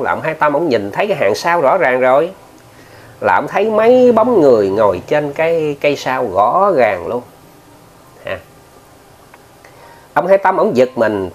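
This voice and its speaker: A man with a Southern Vietnamese accent telling a ghost story in a casual, chatty way, often turning to his listeners and using many filler words. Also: a little high. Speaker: ghost story narrator, channel host.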